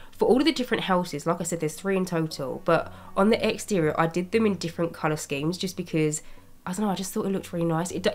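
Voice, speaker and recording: This young woman, a Sims speed-build YouTuber, has a lowish, slightly raspy voice from a cold. Her voice-over, recorded separately from the gameplay, is chatty and rambling, with small laughs as she narrates her building.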